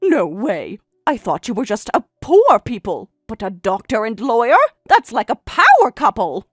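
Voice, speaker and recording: Woman acting a high, swooping, indignant snob. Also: wildly swooping pitch, moderate pace, husky, no room sound, clean studio sound, exaggerated voice. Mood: regretful, pleading. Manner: incredulous, blustering, repeats words when flustered. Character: snobbish, judgmental sister-in-law, easily shocked and indignant. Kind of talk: acted dialogue in a narrated family drama.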